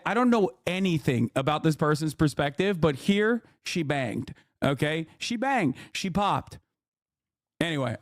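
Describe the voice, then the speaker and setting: A man's voice: sits high, dry recording, studio quality. A man in his thirties, a streamer giving casual, profane, mocking commentary on a clip of himself.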